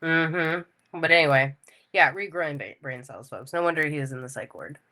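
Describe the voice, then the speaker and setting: A woman co-hosting a podcast in casual chat, teasing her partner with quick retorts and frequent laughs. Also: sits low, pushed and bright. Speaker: podcast co-host.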